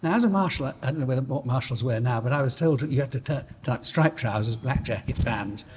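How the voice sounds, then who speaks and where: A man tells an anecdote to a dinner crowd, stumbling and repeating words as he goes. His pitch sits mid-range. A long hall reverb trails behind every phrase. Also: expressive, fast talker. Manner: hesitant, repeats words, warm reminiscing. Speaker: after-dinner speaker. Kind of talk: anecdotal speech. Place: large banquet hall.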